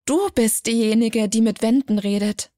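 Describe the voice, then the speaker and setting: A woman's voice: on the high side, normal speed, dark tone, dry recording, clean studio sound, close to an everyday voice. Woman as a mocking mirror twin, sweet but hollow and sneery.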